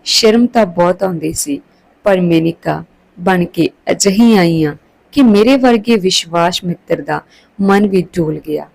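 A woman's voice: fairly low pitch, measured pace, creaky, darkish tone, rough recording. A woman reading the lines of a lecherous, menacing fake holy man in a storybook tale.

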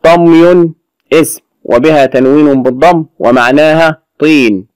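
A man with an Egyptian accent teaching a children's Arabic lesson, reciting verses slowly and explaining them in quick colloquial asides. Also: on the high side, darkish tone, clean tone, no room sound, poor audio. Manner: asks the pupils questions and answers them himself.

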